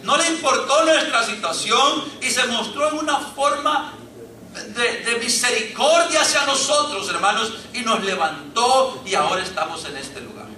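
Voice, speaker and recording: A pastor with a Latin American Spanish accent preaches a fervent sermon in a church sanctuary, addressing the congregation as brothers. His voice is very high-pitched, pushed and bright. The distant mic picks up the echoey room.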